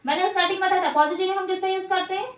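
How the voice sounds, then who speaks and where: Woman teacher, very high voice, quiz-and-answer manner, recorded from afar in a roomy classroom. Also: fairly even intonation, racing. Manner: asks questions and answers them herself, repeats words. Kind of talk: grammar lesson at a board. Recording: echoey room, mic at a distance.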